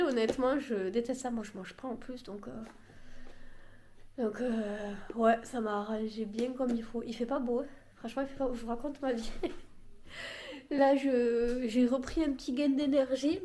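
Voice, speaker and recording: A young woman vlogs from home, her regional French accent stronger through a blocked, nasal nose. Her voice sits a touch high, and she rambles in a loose, self-deprecating way. She sounds plainly sick with a cold. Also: darkish tone. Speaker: vlogger. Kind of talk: casual vlog chat.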